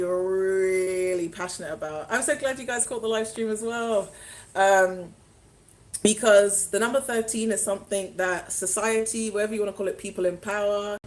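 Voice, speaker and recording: A woman's voice: medium pitch, normal speed, rough recording. A young woman chatting casually on a live stream, rambling and answering viewer comments as they come in. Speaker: spiritual vlogger doing a live stream.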